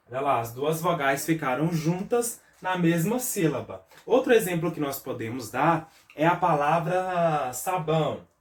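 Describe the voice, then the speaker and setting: A man with a Brazilian Portuguese accent teaching a recorded review lesson for schoolchildren, explaining step by step and checking in often. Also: on the high side. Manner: patient, explains step by step with frequent "tá?" check-ins and spelled-out syllables. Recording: roomy echo, voice a bit far from the mic.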